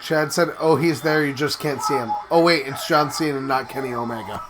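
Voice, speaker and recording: A co-host on a casual live stream who teases a partner and reads chat messages aloud, with an arena crowd loud behind. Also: medium pitch, fairly quick. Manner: teasing, reading chat aloud. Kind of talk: casual watch-along chat. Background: crowd noise from the broadcast.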